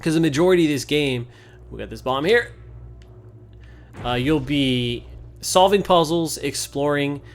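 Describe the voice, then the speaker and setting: Hosting a video game series, a man gives informal, conversational gameplay commentary in a slightly high voice at a measured pace, pausing often. Game music plays in the background.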